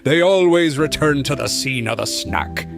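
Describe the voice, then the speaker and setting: A man voicing a blustering old sea captain in an audio story, an animal detective with a gruff old fisherman's pompous, theatrical manner. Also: fairly high pitch, animated, normal speed, a bit bright, soft background music. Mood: blustering, indignant. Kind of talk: scripted audio story acting.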